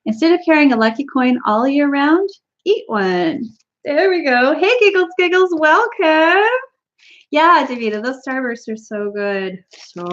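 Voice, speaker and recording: A woman's voice: high voice, fairly bright tone, a little hiss or hum. A woman from Canada hosting a casual live-stream snack tasting, chatty and giggly as she talks to her viewers. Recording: slightly dull lo-fi stream audio.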